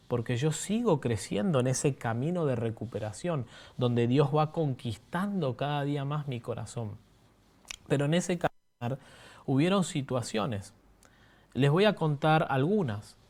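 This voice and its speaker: A man's voice: mid-range voice, animated, measured pace, darkish tone. Argentine man preaching a testimony sermon. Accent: Argentine Spanish. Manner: conversational, asks the congregation questions.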